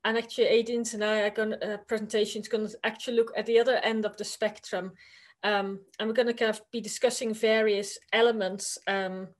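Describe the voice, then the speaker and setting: A Dutch woman, speaking Dutch as her first language and carrying its accent, presents at an academic conference over a video call. Her voice is medium-pitched and level, and she talks a little fast. Her delivery is conversational and hesitant, full of fillers.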